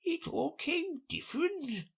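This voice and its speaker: Brief: sorrowful storybook turtle-creature, high and stretched, slow and husky. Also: male voice, wildly swooping pitch, pushed and bright, full character voice. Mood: mournful, drawn-out. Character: melancholy creature, mock turtle, sad and slow.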